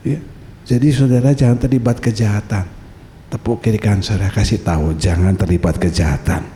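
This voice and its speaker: A man's voice: fairly low pitch, fairly even intonation, brisk, dark tone, a little hiss or hum. A middle-aged male pastor preaching a sermon in a church. He tells stories in a conversational way and stretches out his phrases for emphasis. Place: church sanctuary. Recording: reverberant church hall.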